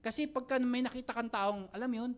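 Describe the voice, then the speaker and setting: A young man giving a lively motivational talk to a live audience, joking and quizzing the crowd as he mixes Tagalog and English. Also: very high voice, brisk. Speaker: mentor speaking to network marketing team.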